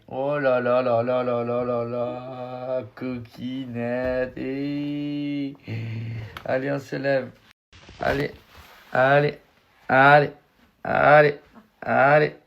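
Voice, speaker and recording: A man's voice: mid-range voice, little pitch movement, slow pace, creaky, pauses often, lo-fi sound. A man, a father playfully teasing and cooing at his baby in a casual family video. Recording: noisy phone video.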